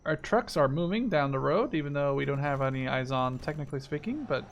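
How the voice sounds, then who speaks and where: A Dutch gaming video host in his twenties, based in Canada, gives casual, rambling, enthusiastic commentary laced with swearing. His voice is on the high side and fairly quick, with war strategy game sounds clearly audible in the background.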